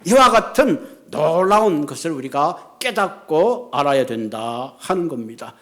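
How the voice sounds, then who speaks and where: An earnest male pastor preaching a sermon, his voice sitting fairly high for a man. He leans into key words with emphasis and builds toward his points.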